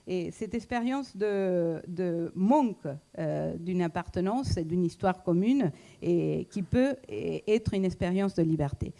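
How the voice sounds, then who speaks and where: A woman with a foreign accent giving a reflective public talk, pausing often with fillers and restarts. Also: fairly low pitch, expressive, vocal fry, mellow. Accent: foreign accent in French. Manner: hesitant, many fillers and restarts. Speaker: speaker at a talk, economist.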